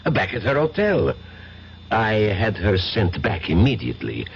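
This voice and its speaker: A man acts out a smooth, mocking, menacing crime boss from abroad for a 1970s radio play, using a French-sounding accent. His gravelly, fairly low voice swoops wildly in pitch at a normal pace, heavily acted. It comes through as a dull old radio broadcast with faint hiss.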